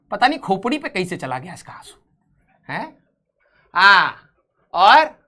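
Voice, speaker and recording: A man's voice: high voice, sharp tone. A man teaching physics in a live online class, teasing his students with jokes and banter before reading out questions. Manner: switches to English when reading questions.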